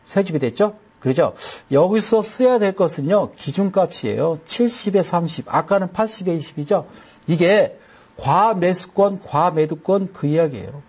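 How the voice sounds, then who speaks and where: Husky, lively man teaching chart settings. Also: high-pitched, moderate pace. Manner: chatty, repeats steps, folksy jokes. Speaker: stock chart instructor. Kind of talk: broadcast trading lesson.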